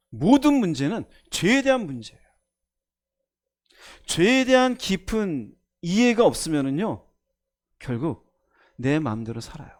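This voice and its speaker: A man preaching a sermon as pastor, emphatic, asking the congregation questions and acting out voices. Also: fairly high pitch.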